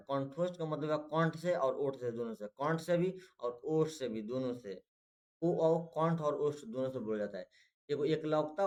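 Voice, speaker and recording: Male teacher of middle pitch for an exam-prep lesson; drills every point by repetition and questions. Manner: repetitive, drills and quizzes students.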